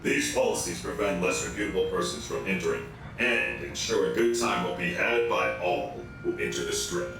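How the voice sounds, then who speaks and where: An actor voicing a stern male robot security guard, with a robotic filter on his voice and a flat, officious way of reciting rules. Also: low voice, normal speed. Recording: echoey, distant game audio with loud music.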